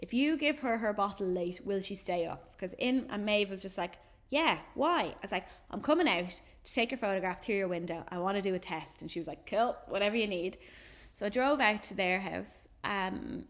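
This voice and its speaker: An Irish woman in her thirties tells a story in a relaxed, chatty way. She is a photographer giving a talk, and she livens it up by acting out the voices of the people she quotes. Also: medium pitch. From Ireland. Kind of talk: casual storytelling presentation.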